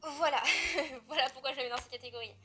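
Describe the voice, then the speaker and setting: A woman's voice: sits high, steady tone, fast talker, sharp tone, slightly rough. A French woman casually chatting about her books as a book vlogger, rambling with fillers and self-corrections. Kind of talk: casual chat.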